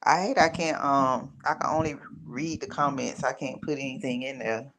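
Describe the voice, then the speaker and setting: A man's voice: medium pitch, moderate pace, a crowd in the background. A man on a casual livestream, explaining things plainly with fillers. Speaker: livestream guest.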